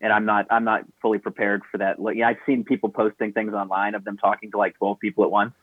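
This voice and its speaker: Low-voiced man over a tinny call line. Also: level tone, fast talker, husky, no room sound. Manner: rambling, with many restarts and stammered repeats. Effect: low-quality remote call audio. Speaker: podcast co-host. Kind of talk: casual chat. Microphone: remote video call.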